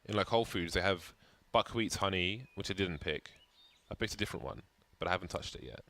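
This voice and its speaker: Over loud game audio, a man casts play-by-play for a competitive shooter match in esports style, talking freely and tossing in light banter. He speaks in a low register and fairly quickly.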